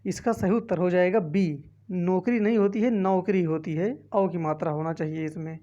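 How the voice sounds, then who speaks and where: A woman's voice: on the low side, moderate pace, warm tone, lo-fi sound. A woman teacher reading multiple-choice options aloud one by one and explaining each answer, with a north Indian Hindi accent. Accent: Hindi-speaking north Indian. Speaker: exam-prep teacher. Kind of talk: quiz walkthrough lesson.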